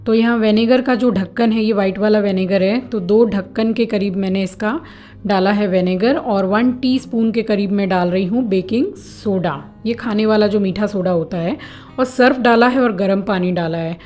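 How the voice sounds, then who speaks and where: A woman's voice: moderate pace, faint music behind. A middle-aged woman chatting casually through a home vlog, talking about her meals and chores. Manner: chatty, scolds her pet dog in a high sharp voice. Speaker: vlogger, homemaker.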